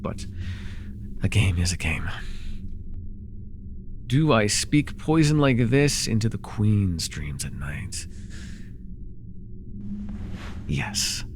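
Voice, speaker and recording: For a fantasy ASMR roleplay, a man heavily acts out a villainous nightmare lord, a sly, taunting, flirtatious dream invader. His mid-pitched voice is theatrical and very animated, teasing with mock sweetness in a playful yet menacing mood. Slight background noise lies beneath the recording.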